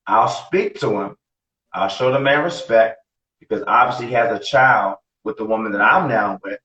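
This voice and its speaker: Low-pitched, bright and forceful, this man in his late forties co-hosts a casual podcast at a moderate pace. He's blunt and profane and tends to repeat himself, and the recording sounds roomy, distant, dull and lo-fi.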